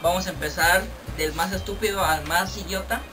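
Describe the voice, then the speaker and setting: A man's voice: high voice, steady tone, normal speed. A man with a Mexican accent acting as referee among friends, announcing in a casual mock-official way with slangy, insulting banter. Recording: distant mic, clear music behind.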